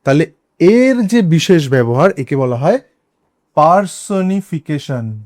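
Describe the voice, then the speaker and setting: A man's voice: a little high, very animated, slow, darkish tone. A man with a Bengali accent teaching an English grammar lesson, explaining examples step by step and posing questions to students. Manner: spells out words letter by letter, asks rhetorical questions.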